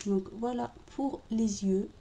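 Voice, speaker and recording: A woman narrating a makeup tutorial in a calm, step-by-step way while she works. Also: a little high, slow pace, a little hiss or hum. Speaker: makeup vlogger. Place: home room with birdsong outside.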